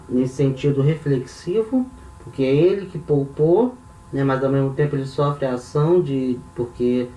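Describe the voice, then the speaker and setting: A man's voice: medium pitch, a little mellow, reverberant, distant mic. A man with a Brazilian Portuguese accent teaching grammar patiently, often checking in with tag questions. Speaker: language teacher. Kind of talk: explaining grammar.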